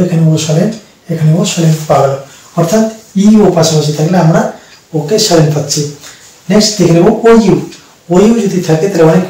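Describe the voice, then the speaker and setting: A man who speaks Bengali as his first language, teaching English pronunciation rules slowly and step by step, with many pauses and repetitions. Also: on the high side, warm tone. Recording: echoey room, distant from the mic.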